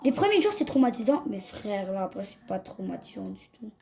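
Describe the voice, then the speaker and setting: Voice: medium pitch, sing-song, a little fast, gravelly, a little mellow, a little hiss or hum. A young gamer, chatting casually to viewers over a let's-play in slangy talk. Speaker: gaming video host. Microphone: phone.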